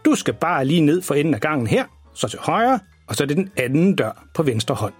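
A man voicing a cheerful palace tour guide giving brisk directions in a children's story. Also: on the high side, very animated, husky, faint music behind. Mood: friendly.

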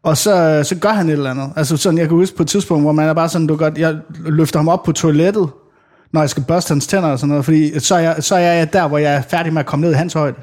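A man chatting casually about fatherhood, animated and swearing freely, often bursting into loud acted quotes. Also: on the high side. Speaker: father on a podcast. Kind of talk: casual chat.

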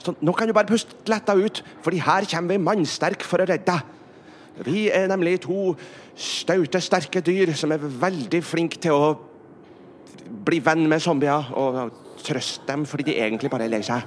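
A man voicing a bumbling, excitable male animal in a children's audio play, fussy and theatrical. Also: a little high, a little hiss or hum, lightly acted. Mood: eager. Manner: fussy, theatrical, swings to squeals.

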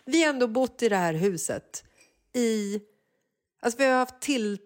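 A woman in her forties co-hosting a chat show, telling a story with lively energy and acting out what people said in a higher voice. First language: Swedish. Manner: animated storyteller, acts out quotes in a high voice. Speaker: podcast co-host. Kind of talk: casual chat.

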